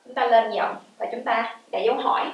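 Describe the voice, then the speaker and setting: A woman teaching an English grammar lesson in a lively way, asking the class questions and answering them herself, and reading her English examples out slowly and clearly. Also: fairly high pitch, muffled recording. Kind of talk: explaining grammar in a video lesson. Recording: very echoey room, voice from a distance.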